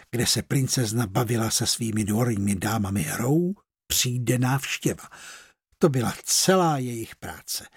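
An expressive narrator reading a fairy tale aloud, slowing on key words. The voice is husky and swings widely in pitch. It sounds close and dry, with no room around it. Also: dry recording. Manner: expressive storytelling, slows for emphasis.

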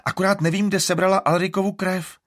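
A man voicing an excitable, indignant young boy in an audiobook. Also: sits high, voice pushed up. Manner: exclaiming, indignant.

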